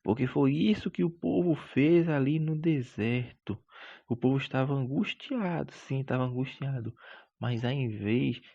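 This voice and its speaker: A man teaches a Bible lesson in a gravelly, husky voice. He preaches with emphasis, drawing out key words and calling his listeners brother. The recording is dull and lo-fi. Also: mid-range voice, unhurried, mellow. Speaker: Sunday school teacher.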